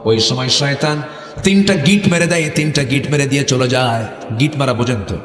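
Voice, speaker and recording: A man from Bogura with a North Bengal accent, preaching a sermon to a live crowd. He leads call-and-response chants and swings between loud exhortation and quiet asides. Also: medium pitch, fairly quick. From Bogura, Bangladesh. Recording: echoey hall with long reverb.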